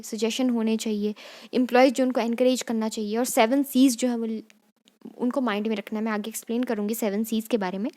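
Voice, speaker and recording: A woman's voice: on the high side, a little mellow. A young woman from Himachal Pradesh giving an exam-prep lecture, explaining step by step and often checking in with "theek hai". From Kangra district, Himachal Pradesh, India. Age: young adult. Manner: explanatory, repeats "theek hai" often, mixes Hindi and English. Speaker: teacher.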